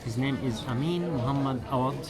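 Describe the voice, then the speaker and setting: A man acting as local guide, translating for a visitor in a halting way with many pauses, outdoors in a crowded square. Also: mid-range voice, loud music behind the voice. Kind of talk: translating in casual conversation. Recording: outdoors amid a busy crowd.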